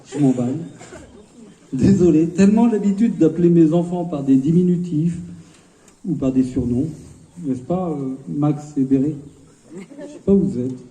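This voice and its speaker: A man's voice: on the high side, normal speed, pauses often, warm tone, roomy sound, poor audio. A man in his fifties, the bride's father, giving a playful, teasing wedding speech with asides.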